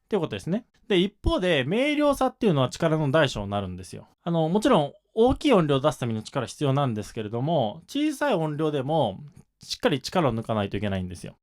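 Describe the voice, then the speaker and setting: A man's voice: a little high, wildly swooping pitch, fast, a little mellow. A man explaining shamisen technique in a patient lesson, with frequent fillers. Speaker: shamisen instructor.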